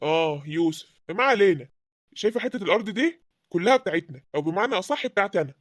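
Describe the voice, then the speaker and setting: A woman voicing a boastful young village man in an animated drama, with an Egyptian accent. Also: mid-range voice, fast talker, dry recording, lightly acted. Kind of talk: cartoon voice acting.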